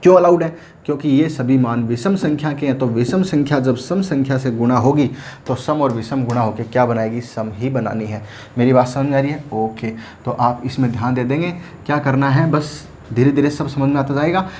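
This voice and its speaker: A man is teaching math at a board, asking questions and then answering them himself while repeatedly telling students "ध्यान देना" to pay attention. His voice sits in the mid-range with a darkish tone and moves a little fast. A slight hiss or hum is audible.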